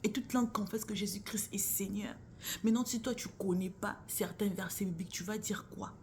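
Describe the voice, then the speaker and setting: A woman's voice: mid-range voice, fairly quick, darkish tone, a little hiss or hum. A woman giving a casual, earnest faith talk straight to her viewers, calling them sister or brother and often dropping into a near whisper. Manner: earnest, addresses listener as sister or bro.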